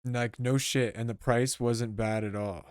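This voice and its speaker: A man's voice: medium pitch, steady tone, measured pace, smooth, dry recording, clean studio sound. A young man co-hosting a podcast in casual chat, laid-back and swearing freely. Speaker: podcast co-host.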